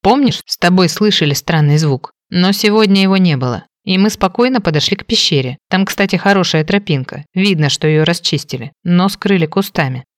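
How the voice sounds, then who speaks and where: A woman reading an audiobook voices a wounded brother lying in bed, speaking hoarsely and haltingly. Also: fairly low pitch, expressive, no echo, lightly acted. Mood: weary. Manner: weary, halting storytelling. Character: wounded young man, weak and bedridden brother. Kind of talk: audiobook character voice.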